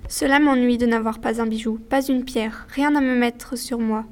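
A vain, discontented young wife in an audiobook story, voiced by a woman. Her voice sits high and has a plaintive, sulky tone. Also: fairly even intonation, moderate pace, natural voice. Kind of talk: audiobook dialogue.

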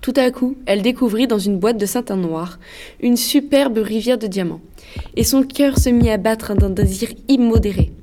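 A woman's voice: on the high side, mellow, a little hiss or hum. Woman narrating a classic story. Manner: measured, storytelling. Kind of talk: scripted narration.

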